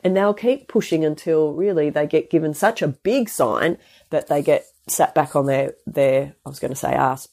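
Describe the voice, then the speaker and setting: On her casual solo podcast, a woman with a stuffy head cold speaks in a low, warm voice at a moderate pace. She's a podcast host and health practitioner, and her chatty, rambling talk is full of restarts and asides.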